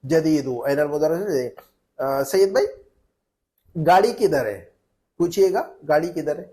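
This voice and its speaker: Leading a spoken Arabic drill at a moderate pace, this male teacher has a slightly high, mellow voice with lively intonation. He repeats phrases patiently and calls on students by name.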